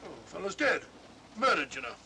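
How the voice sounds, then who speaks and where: A man's voice: a little fast, gravelly, exaggerated voice. An older man with a British accent, acting a bumbling, earnest retired doctor turned sleuth in a vintage mystery film, blustery and stammering. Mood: hesitant, muddled. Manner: hesitant, stammering, self-important. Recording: vintage film soundtrack, steady train rumble.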